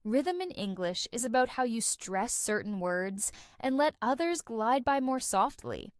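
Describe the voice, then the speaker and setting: Expressive young woman, dry close sound. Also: on the high side, unhurried, clean tone, no echo. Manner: expressive, conversational storytelling. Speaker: podcast host. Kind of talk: scripted narration for English learners.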